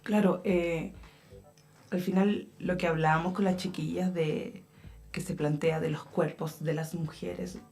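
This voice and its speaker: A woman with a Chilean accent, an actress, answering as a guest in a radio studio interview and pausing often to search for words. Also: fairly low pitch, steady tone, a little mellow, soft background music.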